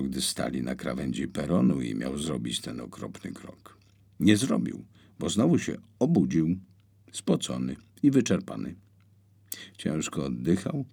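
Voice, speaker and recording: Deep, gravelly male audiobook narrator. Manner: expressive storytelling with wide swings in pitch.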